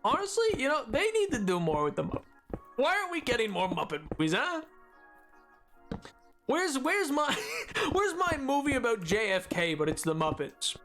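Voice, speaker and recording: A man streaming a game, chatting casually in an excitable, rambling way and laughing often. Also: extremely high pitch, normal speed, soft background music. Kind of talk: casual gameplay commentary.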